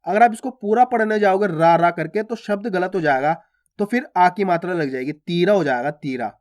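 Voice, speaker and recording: A man's voice: high-pitched, brisk, darkish tone. A man teaching a beginner reading lesson. He explains patiently and repeats himself, stretching vowel sounds and answering his own questions. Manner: asks questions then answers them himself.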